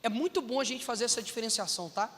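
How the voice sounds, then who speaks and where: A Brazilian-accented man preaches a sermon with great animation, acting out the voices of people he quotes and calling his listeners brothers. His voice is very high-pitched and very fast, and it carries a big-room sound.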